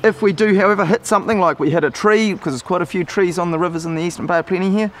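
High-voiced Kiwi man, broad accent. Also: racing, slight background noise. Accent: New Zealand. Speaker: river guide. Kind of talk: casual instructional chat. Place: outdoors on a riverbank.

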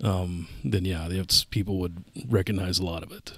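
Hesitant, low-voiced man journalist. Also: steady tone, normal speed, creaky, no room sound. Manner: hesitant, searching for words, many fillers. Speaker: journalist on a newsroom podcast. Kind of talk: casual newsroom chat. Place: studio.

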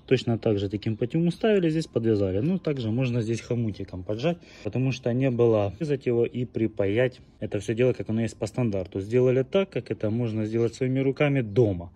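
A man's voice: mid-range voice, mellow. A man in his twenties explaining things casually to his vlog camera, held at arm's length outdoors. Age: 20s. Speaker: motorcycle vlogger. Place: outdoors in a house yard.

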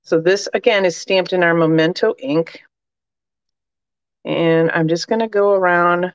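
A chatty woman demonstrates crafts on a live stream, her voice a bit low. She has a slight cold and talks around a cough drop. The sound is dry and a little dull, like a home recording. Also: fairly even intonation, a little slow, dry recording. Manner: chatty, warm, many fillers and asides to viewers.

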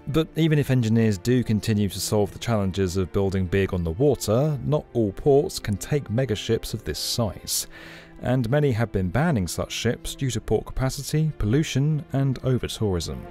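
Guy doing a studio voiceover for a documentary, clear and chatty, faint music underneath. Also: mid-range voice, a little mellow. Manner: clear, explanatory, lightly conversational. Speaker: narrator. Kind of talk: scripted documentary narration. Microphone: studio voice-over.

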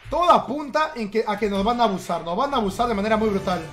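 A man with a high, slightly bright voice streams a game and talks at a fairly quick pace. He keeps the commentary casual, teasing his viewers and chatting playfully with them as he plays.

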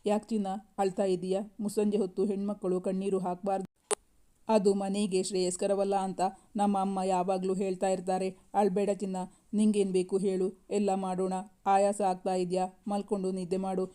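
A man's voice: sits high, monotone, moderate pace, warm tone, clear, resonant tone, lightly acted. A storyteller voicing a young husband who tenderly coaxes his upset wife, speaking in an affectionate, pleading way. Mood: coaxing. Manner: coaxing, affectionate.

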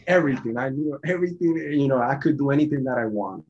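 Speaking as a podcast guest on a video call, this Venezuelan-born man in his 40s, who grew up in Colombia, tells his own story in a conversational way. His mid-range voice moves briskly and has lively intonation. The dull, lo-fi audio comes from a small indoor home office.

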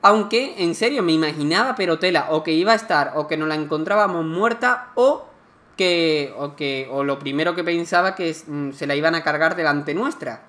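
A man with a fairly high, pushed, bright voice narrates gameplay at normal speed over game music. His casual let's-play commentary is chatty and full of jokes, and he exclaims at what happens in the game.

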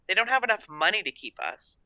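A sulky, defiant big-sister girl, as a woman acts her out in a storybook. She talks in curt, bright, sharp bursts. The recording is lo-fi and dry. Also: medium pitch, sing-song, fairly quick, dry recording, pitched above the performer's own voice.

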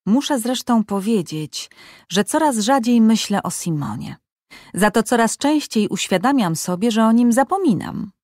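Brief: a woman playing a timid, hurt young woman, soft-spoken, in a dry audiobook. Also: on the high side, lively intonation, moderate pace, dry recording, voice pushed up, lightly acted.

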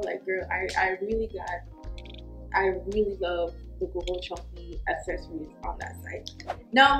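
In a small furnished room at home, faint music playing, a young Jamaican fashion vlogger chats through a lookbook with emphatic slang, drawing out words for effect. Her voice is mid-range, a bit bright and reverberant.

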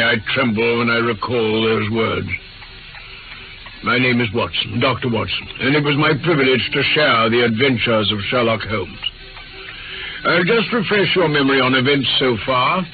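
An actor playing an earnest English doctor who narrates detective adventures in an old-time radio drama. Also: male voice, medium pitch, close to an everyday voice. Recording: muffled vintage radio recording with loud music.

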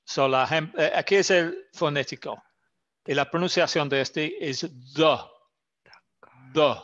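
A man whose first language is English, teaching an English grammar lesson in Spanish, slowly and carefully repeating example words for his student. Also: on the high side, a bit bright. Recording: slightly dull lo-fi sound.

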